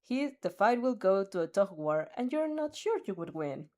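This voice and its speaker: Her voice sits at medium pitch, mellow and very animated, moving at a normal speed. She's reading a fan story addressed to "you," frequently fumbling words, restarting and giggling.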